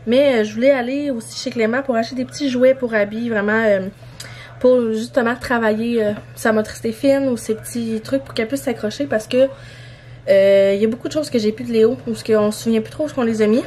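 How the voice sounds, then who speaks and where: Young québécois woman rambling on in her vlog, kinda high voice, lots of ums, faint hiss behind. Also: steady tone, a little fast, a little mellow. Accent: Québécois French. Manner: chatty, rambling, many fillers. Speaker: vlogger. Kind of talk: casual vlog showing purchases.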